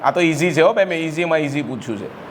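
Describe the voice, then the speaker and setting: Gujarati man quizzing students, fairly high voice. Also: expressive, fast talker, background noise. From Gujarat, India. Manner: rhetorical, quizzes the audience. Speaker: school managing director. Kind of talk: motivational speech to students. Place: school hall.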